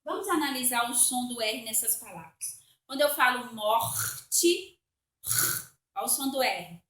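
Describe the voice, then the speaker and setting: A woman with a Brazilian Portuguese accent, teaching a recorded spelling lesson for children, patient and slow, repeating words to explain them. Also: on the high side, animated, fairly bright tone, echoey room.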